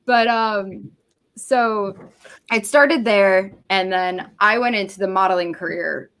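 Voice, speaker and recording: A woman's voice: mid-range voice, slow pace. A woman who hosts a podcast, telling her story in a casual interview, swearing freely and acting out what people said. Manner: swears freely, animated, acts out quotes. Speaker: podcast host as guest.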